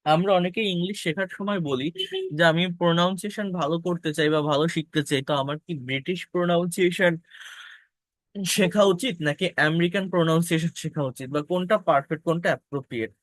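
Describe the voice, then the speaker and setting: A man's voice: fairly high pitch, fast talker, no echo. A man teaching an English pronunciation lesson, explaining patiently, repeating key points and speaking directly to his viewers. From Bangladesh.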